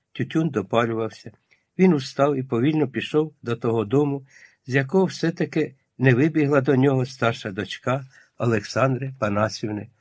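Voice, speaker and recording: A man narrating a literary audiobook in a calm, measured storytelling manner, with a husky voice. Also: medium pitch, no echo, studio quality.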